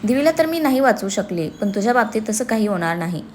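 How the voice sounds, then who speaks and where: A woman's voice: mid-range voice, sing-song, fast talker, a little mellow, a little hiss or hum, natural voice. A woman voicing a fiery, emotional young woman. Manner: emotional, feisty.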